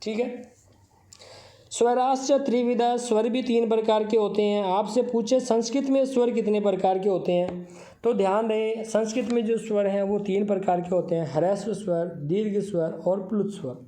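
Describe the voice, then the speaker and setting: A man's voice: sits high, steady tone, dark tone, echoey room. A man teaching a Sanskrit grammar lesson for exam preparation, reciting definitions and then explaining them plainly, drawing out vowels to show the sounds. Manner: drawn-out vowels when demonstrating sounds.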